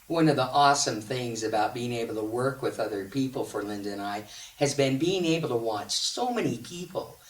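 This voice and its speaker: A woman presenting a guided imagery program, teaching slowly and deliberately with long pauses. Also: rumbling low, slightly rough. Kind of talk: slow, calm teaching.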